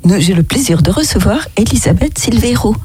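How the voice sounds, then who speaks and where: A radio host interviewing a guest, asking measured questions and summarizing the answers. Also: medium pitch, animated, darkish tone, husky.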